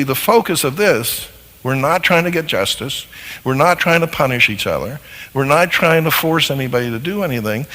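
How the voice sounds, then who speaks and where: A man giving a seminar talk to a live audience, animated and acting out little scenes as he explains. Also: on the high side, creaky, big-room sound, rough recording. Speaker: marriage seminar speaker.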